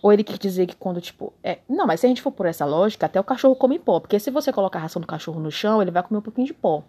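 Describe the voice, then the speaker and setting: A woman's voice: medium pitch, animated, racing, mellow, slightly rough. A tipsy woman reads the Bible aloud and mocks it in a casual, comedic way, swearing and drawling sarcastically. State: tipsy from beer. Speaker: comic commentator reading the Bible.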